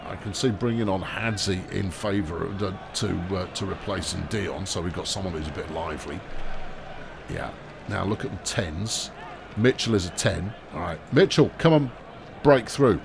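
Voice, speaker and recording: Guy narrating a football sim, sarcastic, gravelly, lively pitch, faint hiss. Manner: dry, sarcastic, chatty. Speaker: gaming commentator. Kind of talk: casual gameplay commentary.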